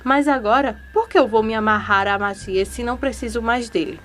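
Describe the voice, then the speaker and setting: A woman's voice: fairly high pitch, a little fast, natural voice. A woman reading the lines of a young woman who refuses her arranged marriage, in a bitter, defiant way.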